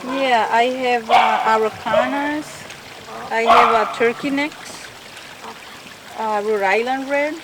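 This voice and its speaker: With a fairly high, steady voice, a woman from El Salvador takes her time speaking friendly, slightly broken English about her backyard chickens. The mic is distant, so background noise and the chickens around her come through.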